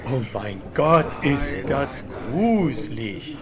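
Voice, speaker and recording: Brief: a man playing a stunned listener, slow disbelieving exclamations, crowd murmur behind. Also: medium pitch, very animated. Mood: aghast.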